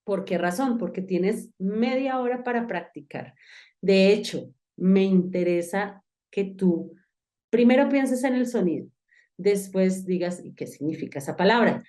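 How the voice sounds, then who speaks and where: A woman's voice: medium pitch, a little slow, dark tone. A woman, an English teacher walking one student through pronunciation step by step. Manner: patient, talks to one learner, spells out each step. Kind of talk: online class with a whiteboard.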